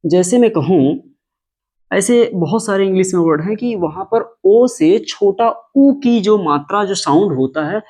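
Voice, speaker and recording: A man teaching pronunciation with step-by-step classroom explanations. He repeats each example word slowly and with extra stress, using patient, repetitive teacherly phrasing. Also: sits high, animated. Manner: stretches and stresses example words, repeating them slowly and louder.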